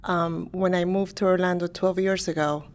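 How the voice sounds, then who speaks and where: A woman's voice: on the low side, steady tone, moderate pace. Matter-of-fact woman from Colombia. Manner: brief, matter-of-fact answers. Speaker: panel guest, realty broker. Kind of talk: casual interview talk.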